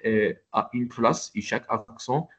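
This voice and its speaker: A man's voice: mid-range voice, a little slow, a bit bright. A man teaching an Arabic alphabet lesson in French, talking in a hesitant way with many fillers and restarts.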